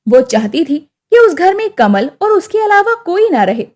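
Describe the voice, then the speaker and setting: A woman narrating a scripted moral story in an even storytelling way. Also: very high voice, moderate pace.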